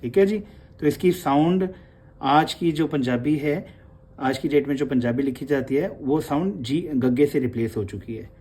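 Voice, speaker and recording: A man teaching a Gurmukhi class, patiently repeating each letter sound slowly for his learners and mixing in English words. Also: husky. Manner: opens with soft, low devotional recitation. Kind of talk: online class lesson.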